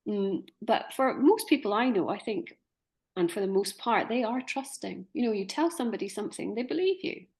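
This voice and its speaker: A woman's voice: mid-range voice, expressive, moderate pace, darkish tone. A woman in her forties hosting a conversation, musing and hesitant as she poses questions. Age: 40s. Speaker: podcast host. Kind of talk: conversational discussion.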